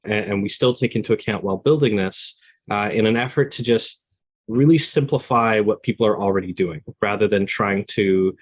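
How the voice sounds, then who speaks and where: Lower-voiced man explaining in an interview, slightly muffled. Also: moderate pace. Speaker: guest, software founder.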